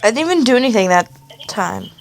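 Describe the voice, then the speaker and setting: A woman's voice: a little high, animated, fast talker, gravelly, music in the background. A woman hosting a casual gameplay session with friends, rambling and talking over the others. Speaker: gaming channel host.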